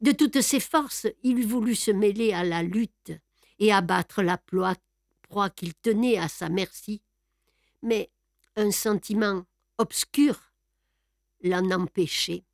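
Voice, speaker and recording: A woman narrating a classic adventure novel aloud in a measured, expressive reading. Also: medium pitch, dry recording, clean studio sound. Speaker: reader. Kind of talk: audiobook narration.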